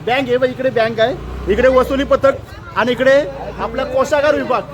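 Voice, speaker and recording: High-voiced chatty man vlogging outdoors. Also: steady tone, normal speed, slight background noise. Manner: chatty, exclaiming, greeting passers-by. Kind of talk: casual walking vlog commentary. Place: outdoor city street at a festival. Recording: loud street crowd behind.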